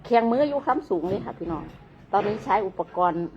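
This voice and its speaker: A woman's voice: mid-range voice, animated, quick pace, lo-fi sound, noisy background. An older woman, a grandmother chatting playfully and coaxing her grandchild while cutting her hair, filmed at home. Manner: coaxing, playful, often laughing. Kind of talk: casual vlog chatter.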